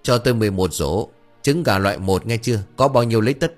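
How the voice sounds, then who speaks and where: A man voicing a stubborn old man who loudly demands to buy everything. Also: fairly low pitch, animated, fast, faint music behind, lightly acted. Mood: demanding. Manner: shouting, demanding. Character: loud stubborn old man, rival buyer.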